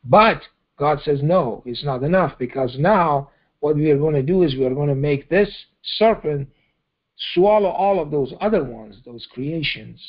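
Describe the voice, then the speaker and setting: A man's voice: a little high, expressive, moderate pace, muffled recording. A man leading a scripture study, explaining verses in a conversational way and often checking in with "okay?". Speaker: Quran study teacher.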